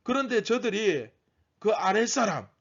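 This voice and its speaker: Lively high-voiced pastor preaching. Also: male voice, unhurried, gravelly, husky, dull audio. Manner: teaching, asks the congregation questions. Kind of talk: sermon.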